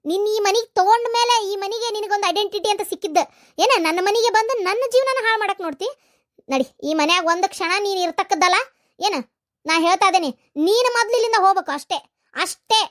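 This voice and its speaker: A woman with a North Karnataka Kannada accent voicing a fierce, scolding middle-aged mother-in-law in a cartoon, in a shrill, harsh manner. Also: quick pace. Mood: angry scolding. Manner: harsh, accusing, loud scolding. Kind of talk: cartoon voice acting.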